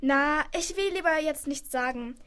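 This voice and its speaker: A woman's voice: sits high, normal speed, fairly bright tone. A woman narrating a children's radio play, chatting to the listeners in a confiding way.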